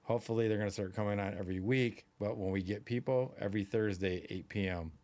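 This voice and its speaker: A man's voice: fairly low pitch, steady tone, fast talker, a little mellow. A man co-hosting a live stream, talking in a loose, rambling, chatty way with plenty of fillers. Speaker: podcast co-host. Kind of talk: casual live-stream chat.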